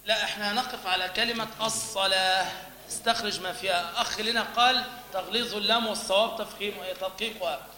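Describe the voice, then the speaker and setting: A man's voice: sits high, steady tone, fast talker, bright, forceful tone. A man with an Egyptian accent teaching a class on the call to prayer, demonstrating chanted lines and quizzing his students. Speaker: religious teacher. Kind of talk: lecture on recitation. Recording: echoey hall with audience.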